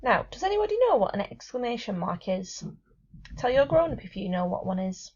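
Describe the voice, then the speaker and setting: A woman teaching a remote lesson to young children, clear and encouraging, reading descriptions aloud with expression. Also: on the high side, big pitch swings, fairly quick, darkish tone, lo-fi sound. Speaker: primary school teacher.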